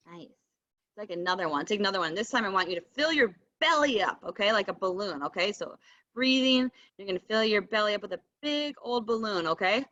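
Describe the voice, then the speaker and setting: A woman leading a kids' tapping session over a video call, gentle and encouraging, often checking in with "right?" and "okay?". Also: medium pitch, dry recording, lo-fi sound.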